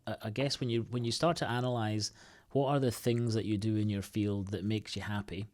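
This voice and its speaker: A man from the United Kingdom, a guest on an interview show, answering in a halting, thoughtful way with many restarts and fillers. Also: lowish voice, fairly even intonation, a little mellow. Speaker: podcast guest, IT consultancy co-founder.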